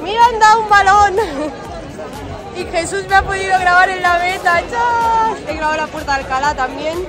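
A woman in her twenties from Spain with a Spanish accent, vlogging out of breath and loudly into her phone while running outdoors. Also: extremely high pitch, moderate pace. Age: 20s. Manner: speaking while running, exerted and loud. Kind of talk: vlog to camera. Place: outdoors on a wide city street. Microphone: phone at arm's length. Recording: busy street race, crowd and music behind.

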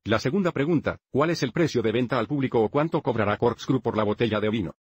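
Male math teacher, steady and methodical, husky voice at a middle pitch. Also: quick pace, no room sound, muffled recording. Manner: steady, methodical step-by-step explaining. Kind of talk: dubbed math lesson narration.

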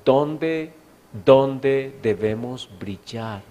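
A man's voice: medium pitch, extremely slow, warm tone. A middle-aged Colombian man preaching a sermon in a church meeting hall, telling stories in a chatty way and asking the audience questions. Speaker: pastor.

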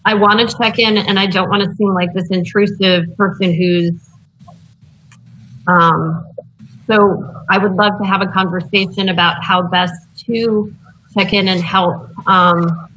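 A woman sharing her thoughts hesitantly in a committee video call discussion, with many pauses and fillers. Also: medium pitch, fairly bright tone, slight background noise, rough recording. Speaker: committee member.

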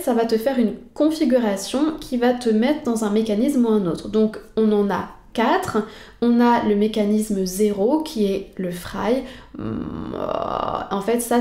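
A woman's voice: medium pitch, moderate pace, dark tone, echoey room. A woman singing teacher patiently explaining vocal technique straight to the viewer.

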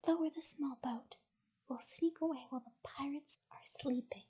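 A woman's voice: high-pitched, moderate pace, dark tone, breathy edge. Melissa, a woman reading a brave young girl. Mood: hushed.

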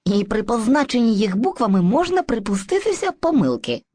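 A woman voicing a playful, hesitant male sprite of mixed slang speech in an educational cartoon, with a husky voice and a bouncy, exaggerated delivery. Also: on the high side, very animated, brisk, dark tone, no room sound. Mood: cheerful.

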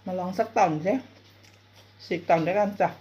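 A woman's voice: fairly low pitch, fairly even intonation, moderate pace, darkish tone, a little hiss or hum. Isan Thai woman chatting while chewing. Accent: northeastern Thai (Isan). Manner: chewing and savoring food while talking, with appreciative hums. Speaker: food vlogger. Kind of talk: casual mukbang chat to viewers.

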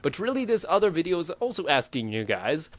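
A man's voice: fairly high pitch, very animated, a little fast, no room sound. A young man talking through a gaming commentary in a casual, rambling way, full of fillers and self-corrections. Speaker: gaming YouTuber.

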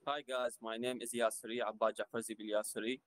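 Man, from Iraq, native Arabic, engineering graduate, halting speech, dry close sound. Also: medium pitch, level tone, a bit bright, no echo. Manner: slow and halting. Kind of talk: self-introduction. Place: video call.

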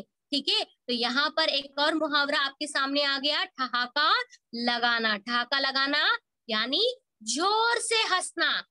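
A woman's voice: sits high, sharp tone, no room sound. A woman teaching a school Hindi lesson over a video call, asking questions and answering them herself while coaxing her students. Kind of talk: online class lesson.

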